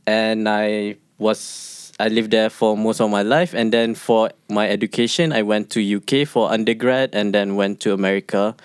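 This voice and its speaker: A man from Malaysia, a guest on a casual podcast, talking in a reserved, measured way. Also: fairly low pitch, little pitch movement, smooth, no echo, studio quality.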